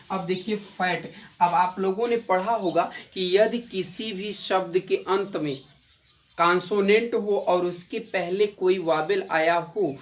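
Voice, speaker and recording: A male English grammar teacher giving a classroom lesson, repeating key points and quizzing his students with quick rhetorical questions. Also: sits high. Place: coaching institute classroom. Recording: echoey room, distant mic, faint noise.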